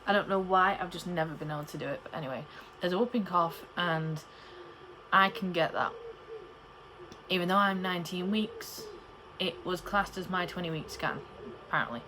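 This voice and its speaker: Young woman, slightly low pitch, chatty rambling vlogger delivery, some background noise. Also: normal speed. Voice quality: cannot pronounce P in the middle of words. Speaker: pregnancy vlogger. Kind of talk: casual chat to camera.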